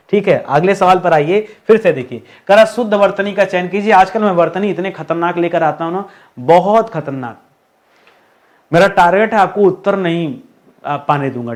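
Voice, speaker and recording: A man teaching an exam-prep grammar lesson, explaining each answer and repeating questions back to his students. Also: high voice.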